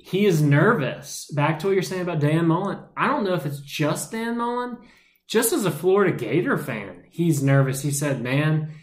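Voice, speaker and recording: Loose, chatty male co-host for sports talk; a bit high, roomy recording. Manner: loose, chatty, laughs easily. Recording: roomy echo.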